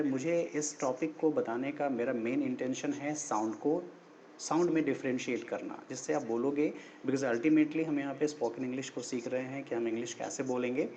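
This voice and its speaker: A man's voice: medium pitch, mellow, slight background noise. A man teaching a spoken English lesson. He explains each rule step by step, sounds out spellings and words letter by letter, and often checks in with "right?" and "okay?".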